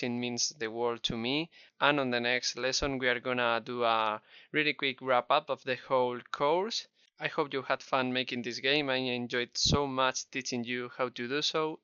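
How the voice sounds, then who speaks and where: In a screen-recorded tutorial, a man with a Spanish accent explains game development step by step, friendly and encouraging though his delivery is flat. His mid-range voice is sharp and smooth at a moderate pace, with no echo, on a dull, slightly lo-fi close mic.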